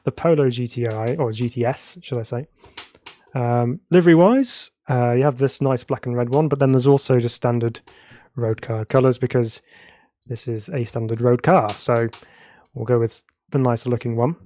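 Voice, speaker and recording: A man with a mid-range, warm voice talks at normal speed, stuffed up from a cold. He gives chatty live commentary while driving a racing sim, laughing at himself and reading viewer chat aloud.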